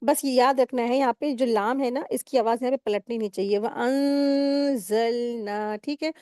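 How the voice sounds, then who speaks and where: A woman teaching Quran recitation rules step by step in a patient, explaining manner, pausing to recite words slowly. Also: on the high side, darkish tone, no room sound, studio quality. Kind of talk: step-by-step tajweed lesson.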